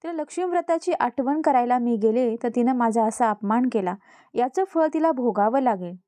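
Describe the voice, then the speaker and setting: A wise old woman, patient and earnest, who lays out instructions step by step, as a woman narrator puts her on. Her voice is high but mellow, close and dry. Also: animated, moderate pace, no echo, close to an everyday voice.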